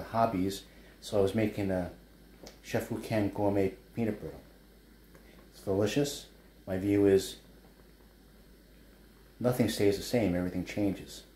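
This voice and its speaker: Stirring a wok in his indoor living-room kitchen, a low, mellow-voiced man with a New York accent, a chef and food blogger, gives a casual cooking demo full of cheerful, rambling asides. The roomy space makes his voice ring a little over a faint room hum.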